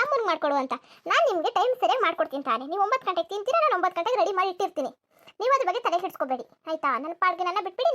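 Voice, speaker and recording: A woman's voice: very high-pitched, a bit bright. A woman voicing a cheeky lazy cartoon daughter-in-law. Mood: arguing. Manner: cheeky, argumentative, pleading. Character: lazy sleep-loving young daughter-in-law. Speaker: narrator addressing viewers. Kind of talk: cartoon comedy voice acting.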